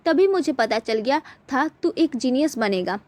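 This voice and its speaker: A woman's voice: sits high, animated, moderate pace, darkish tone, no room sound. A woman voicing a worried, pushy mother who scolds her genius son in a storybook retelling. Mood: scolding.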